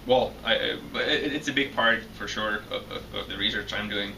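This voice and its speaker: A man's voice: lowish voice, moderate pace, vocal fry, bright, forceful tone. A young man from Finland with a Finnish accent, answering interview questions as a PhD student, hesitant and full of restarts. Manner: hesitant, many restarts and repeated words. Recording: distant mic with faint noise.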